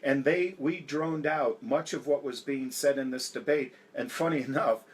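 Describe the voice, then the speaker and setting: A man's voice: mid-range voice, normal speed. An American man speaking emphatically as a political candidate in an interview, listing grievances. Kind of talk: campaign interview.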